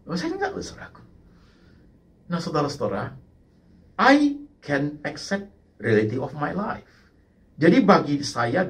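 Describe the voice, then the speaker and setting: Older pastor preaching animatedly. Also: male voice, fairly high pitch, distant mic. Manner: lively preaching, mixing in English phrases, repeats "saudaraku". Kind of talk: sermon.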